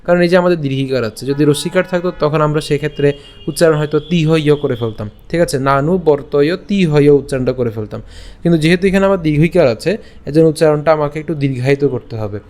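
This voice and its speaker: A young man patiently teaching pronunciation, reciting verses slowly syllable by syllable and asking and answering his own questions. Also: on the high side, a little mellow. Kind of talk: pronunciation lesson with slow recitation.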